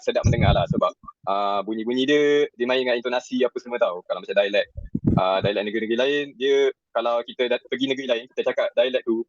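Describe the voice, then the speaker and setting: Fast-talking young man, lo-fi sound. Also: medium pitch, dry recording. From Perak, Malaysia. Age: young adult. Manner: chatty, many fillers, mixes in English words. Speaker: interviewee, university student. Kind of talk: casual interview answers. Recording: dull lo-fi sound.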